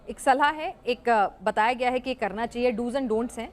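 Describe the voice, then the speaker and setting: A woman hosting a televised debate, persistently pleading with a panelist for a moment to speak. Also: on the high side. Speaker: TV debate host. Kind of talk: moderating a heated televised debate.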